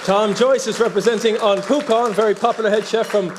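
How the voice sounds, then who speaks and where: High-pitched man hosting, west of Ireland accent. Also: steady tone, a little fast, a faint crowd, slight background noise. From Galway, Ireland. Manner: jokey, chatty. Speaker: live event host. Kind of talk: master of ceremonies presenting and interviewing.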